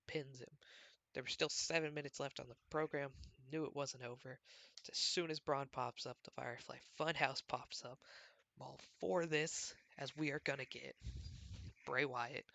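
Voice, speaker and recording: A man's voice: mid-range voice, creaky, bright, forceful tone, dry recording. A man hosting his own sports show from home, recapping casually in a rambling, conversational way. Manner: rambling, conversational, filler-heavy.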